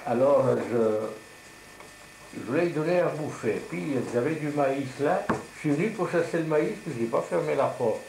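A man's voice: a little high, normal speed, gravelly. An elderly man with a grandpa voice, casually telling rambling, colloquial stories of his past. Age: elderly, 70s or older. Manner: grandpa voice: old man's rambling, colloquial storytelling. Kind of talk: casual reminiscing and storytelling. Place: living room at home. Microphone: camcorder microphone across the table. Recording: roomy, noisy home camcorder recording.

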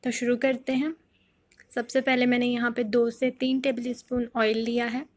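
This is a recipe voice-over by a woman from Pakistan, her voice fairly high and her pace moderate. She explains every step plainly and calmly, much as a cooking channel host would for viewers at home.

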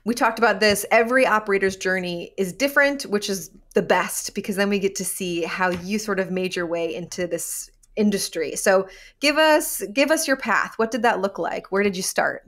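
A woman's voice: medium pitch, moderate pace, a bit bright. A woman in her thirties hosting a podcast in a small room, speaking into a studio mic, upbeat and chatty. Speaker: podcast host. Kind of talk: casual interview chat. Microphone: large studio mic on a boom.

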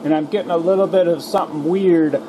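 Calm man explaining welding in a workshop. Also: fairly high pitch, fast talker, noisy background. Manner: calm, reassuring, step-by-step explaining. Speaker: auto body repair instructor. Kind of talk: welding tutorial narration. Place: garage workshop, indoors.

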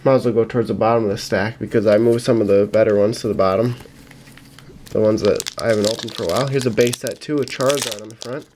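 Still a bit raspy from a cold, this young YouTuber talks fast in a fairly low, darkish, steady voice while casually and matter-of-factly opening trading card packs. He sits at a table indoors at home, recorded by a camera mic roughly an arm's length off. The room is noisy with crinkling cards and wrappers, clicks, and a faint hiss.

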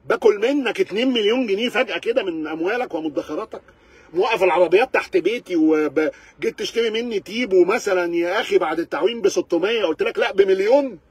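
Egyptian guy doing a car rant, high raspy voice, sarcastic and fed up, talks super fast. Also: darkish tone, no room sound. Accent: Egyptian Arabic. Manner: sarcastic, exasperated, rhetorical questions. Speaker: car reviewer. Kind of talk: animated rant to camera.

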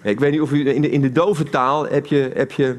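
The man's mid-range voice shows little pitch movement, and his pace is brisk. He is a preacher with a Dutch accent delivering a live sermon in a church hall, conversational in tone and asking the congregation questions.

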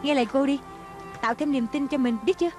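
A kind female schoolteacher, voiced by a woman in a dubbed TV drama. She talks quickly and coaxingly in a high voice. Music plays under the scene. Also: steady tone, natural voice. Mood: encouraging. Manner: gentle and coaxing. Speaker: dub actor. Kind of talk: Vietnamese dub of a TV drama.

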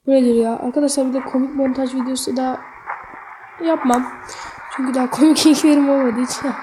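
Excitable high-voiced woman gaming. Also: a little fast, noisy background. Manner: talks to the game character, cheering and cursing at it; excitable, sudden high yelps when failing. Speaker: mobile game reviewer. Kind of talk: casual let's-play commentary.

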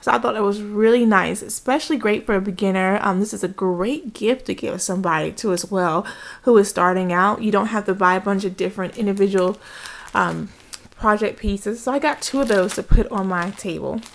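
A craft vlogger with a mid-range voice talks a little fast, with some vocal fry, while holding a handheld camera at home. She chats informally and enthusiastically, showing off her haul to the lens in a casual show-and-tell.

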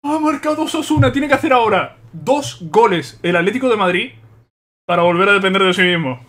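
Excitable high-voiced football streamer. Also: male voice, fairly quick. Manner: excitable, shouts at goals, laughs a lot. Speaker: stream host reacting to football. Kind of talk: live football reaction commentary.

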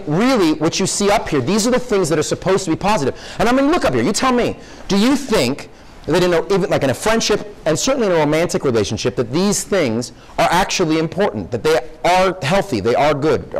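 A young man, a professor, giving a conversational classroom lecture to high school students and peppering them with questions. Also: big pitch swings, a little fast, low-quality recording. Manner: conversational, asks the audience lots of questions. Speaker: guest speaker, professor.

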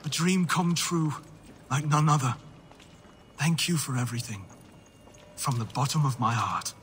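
A man's voice: mid-range voice, a little slow, fairly bright tone, a little hiss or hum, natural voice. An actor playing a humble, grateful young Saxon king in a dramatic video game scene. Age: young adult.

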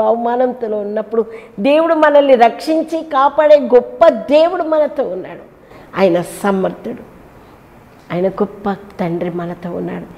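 A woman's voice: mid-range voice, a little mellow, in a large hall. A woman preaching a sermon with emotional, rising and falling emphasis, acting out pleading voices.

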